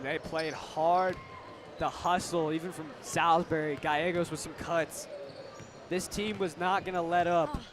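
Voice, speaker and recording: A teenage boy doing student play-by-play commentary for a high school basketball game, getting loud at big moments. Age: teens. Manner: excited, rises to loud calls at big moments. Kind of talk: sports commentary. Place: school gym. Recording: noisy gym broadcast.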